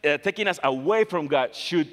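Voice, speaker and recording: A man preaches slowly with a fairly high voice that rises and falls a great deal. He leans on words and repeats phrases for stress. The long reverb of a large church hall hangs on every line. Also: expressive, fairly bright tone. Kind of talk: bilingual sermon, English and Spanish in turn.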